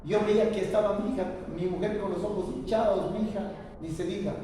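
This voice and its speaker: An older man, a church elder, preaching an emotional testimony that swings from hushed to loud. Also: high-pitched, steady tone, brisk. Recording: echoey hall, distant mic, faint noise.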